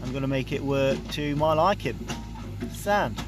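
A man's voice: medium pitch, a little slow, music in the background. A young man, a bricklayer explaining his job step by step in a casual on-site vlog, recorded outdoors on a building site. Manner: plain-spoken, explains his work step by step. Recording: outdoor site noise behind the voice.

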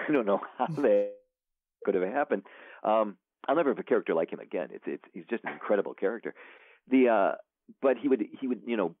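Over a tinny phone line, a man with a lowish voice is interviewed as an author. He talks casually and rambles, full of fillers and restarts. There's no echo on the recording.

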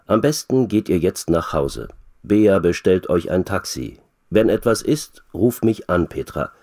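A man reading the part of a calm, serious male private detective in a storybook for learners. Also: low-pitched, a little slow, heavily acted.

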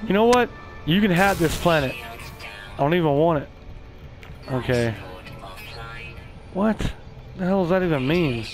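A man giving casual let's-play commentary, excitable and swearing, chatting to the creatures on screen. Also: on the high side, unhurried, pauses often, faint music behind, rough recording. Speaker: gameplay streamer.

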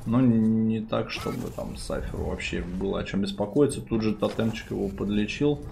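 A man's voice: fairly low pitch, moderate pace. A man giving live esports commentary in an informal way, full of gamer slang. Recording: clear background game noise.

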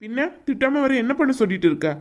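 A woman's voice: on the high side, animated, fast, darkish tone, natural voice. A woman voicing an irritable young man in a cartoon, with a Kanyakumari Tamil accent and a curt, scolding manner. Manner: scolding, impatient. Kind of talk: cartoon voice acting.

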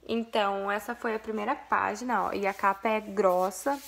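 A young Brazilian mother vlogs casually in a mid-range, creaky voice with a steady tone and normal speed, speaking with a Brazilian Portuguese accent. She gushes while showing viewers a photo album and addresses them directly.

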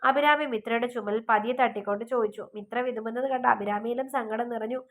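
Woman, storyteller, scripted narration, steady, even, slightly high voice. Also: quick pace.

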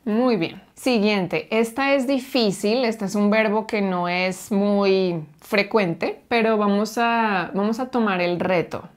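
A woman teaching Spanish, running a patient drill and sounding out each syllable clearly. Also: medium pitch, takes it slowly, few pauses. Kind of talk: slow, clear language drill.

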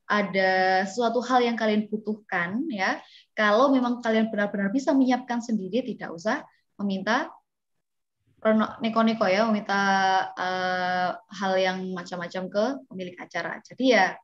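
A woman's voice: medium pitch, fairly even intonation, normal speed. Woman teaching over muffled webinar audio. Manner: conversational teaching with many fillers and rhetorical questions. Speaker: MC skills trainer. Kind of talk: online webinar lesson. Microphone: video call.

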